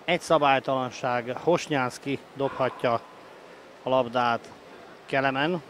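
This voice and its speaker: A man giving excited, openly partisan live play-by-play sports commentary as he roots for his team. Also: medium pitch. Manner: excited, breaking into shouted goal calls. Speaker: sports commentator of a water polo match. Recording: noisy live sports venue ambience.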